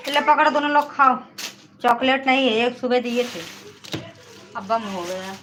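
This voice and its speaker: High-voiced Awadhi woman chatting on a live stream. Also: normal speed. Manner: chatty, laughing often, calling to children. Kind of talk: casual live chat. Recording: noisy home recording.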